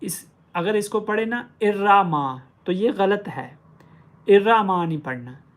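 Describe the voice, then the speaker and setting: A man's voice: high voice, animated. A man teaching Quran pronunciation, explaining patiently and drawing out recited words syllable by syllable. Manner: drawn-out, syllable-by-syllable recitation of examples. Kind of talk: tajweed pronunciation lesson.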